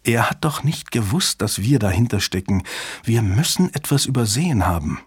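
A man voicing a sharp-minded female cryptographer who reasons aloud and questions others. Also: on the low side, big pitch swings, moderate pace, breathy edge, dry recording, studio quality, full character voice. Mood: puzzled.

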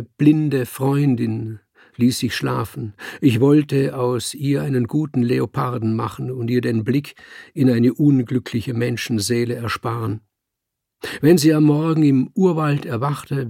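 A man reading a story aloud in a slow, even voice. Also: medium pitch, vocal fry, husky, no room sound, studio quality. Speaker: reader. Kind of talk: audiobook reading.

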